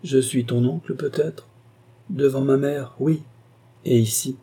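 A man voicing an irascible older uncle who shouts and bullies in a storybook reading. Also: mid-range voice, steady tone, measured pace, husky, voice pushed up. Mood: angry. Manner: shouting, bullying. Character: irascible elderly male uncle, blustering.

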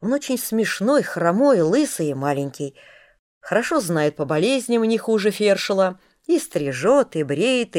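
A woman narrating an audiobook in a gentle, expressive first-person storytelling manner. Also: fairly low pitch, dry recording, clean studio sound. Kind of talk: scripted narration.

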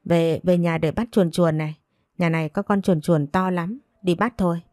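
A woman's voice: lowish voice, fairly even intonation, moderate pace, darkish tone, no room sound, clean studio sound, close to an everyday voice. A woman voicing a mentally unwell young wife who talks simply, like a child, in a storybook reading. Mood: childlike.

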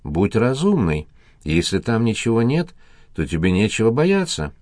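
A man voicing a sensible, watchful old woman who speaks carefully and calmly. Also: lowish voice, normal speed, dry recording, studio quality. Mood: reasoning. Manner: careful, calm.

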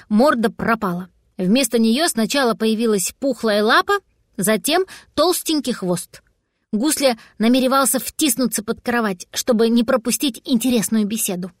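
A woman reading a children's audiobook with lively expression. Her voice is a little high, and the recording is dry and close. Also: dry recording. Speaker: narrator. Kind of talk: audiobook narration.

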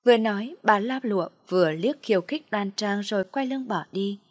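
A woman narrating a family story in a brisk, plain storytelling manner. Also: medium pitch, no room sound, studio quality.

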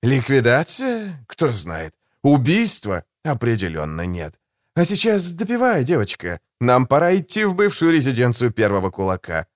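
Guy reading doing a smooth smug killer, low and quiet, rolls his words around, dry booth. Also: huge pitch swings, moderate pace, no room sound. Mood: silky, ironic. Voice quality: soft, silky and condescending. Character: suave sardonic male assassin, low and smooth. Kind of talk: audiobook character voice.

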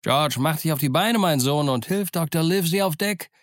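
A man's voice: normal speed, no room sound, clean studio sound, lightly acted. A man voicing a jovial, crafty one-legged old pirate cook who chatters cheerfully in a raised voice. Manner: cheery, chattering, high and bright.

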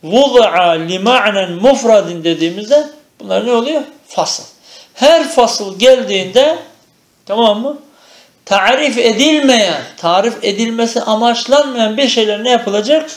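High-voiced male grammar teacher, echoey room. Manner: asks questions and answers them himself. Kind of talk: traditional madrasa-style grammar lecture.

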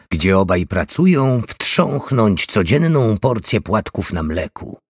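A man reading a novel aloud in a steady, measured storytelling voice. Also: low-pitched, husky, dry recording, clean studio sound. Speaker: audiobook narrator. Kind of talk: scripted narration.

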